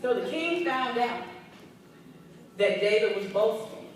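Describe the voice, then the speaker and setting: A young adult woman pastor preaching a sermon in an animated, playful way, laughing between lines, in a large church from a distance. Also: a little high, unhurried, heavy reverb, a little hiss or hum.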